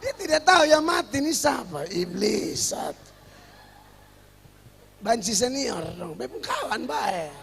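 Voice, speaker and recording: A pastor delivers a lively, humorous sermon. His voice sits unusually high and carries a gravelly rasp. The long reverb of a church hall trails every phrase. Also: slow pace, long pauses, over a noisy crowd. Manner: lively preaching with humor and acted quotes.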